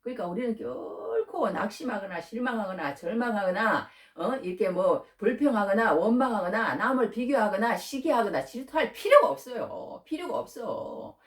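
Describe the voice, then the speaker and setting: A woman's voice: on the high side, expressive, moderate pace, hardly any pauses. A woman preacher giving an emphatic, conversational sermon, repeating her key phrases again and again. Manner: conversational, addresses listeners directly. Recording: echoey hall, from far off the mic.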